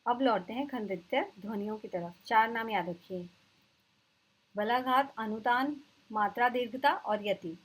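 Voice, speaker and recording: A woman teacher giving an exam-prep lecture, explaining terms and slowly repeating them for her students. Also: a little high, breathy edge, rough recording.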